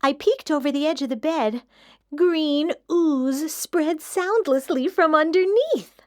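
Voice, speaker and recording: A woman storyteller giving an expressive children's read-aloud narration. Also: high-pitched, takes it slowly.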